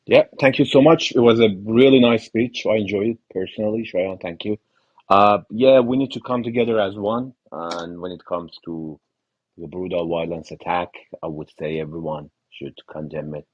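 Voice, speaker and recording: Polite guy moderating a chat room, really deep voice, muffled sound. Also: moderate pace, darkish tone, no echo. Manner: polite, apologetic.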